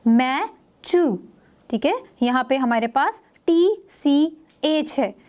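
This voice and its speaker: A woman teaching phonics to young children, reading English example sentences slowly and explaining each sound in Hindi-Urdu. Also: sits high, a little mellow.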